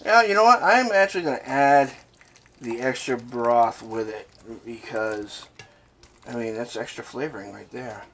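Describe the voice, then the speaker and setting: A man's voice: medium pitch, a little slow, a bit bright. A man hosting a casual cooking vlog from his kitchen, joking and rambling as he adds ingredients step by step. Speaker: cooking channel host. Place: home kitchen.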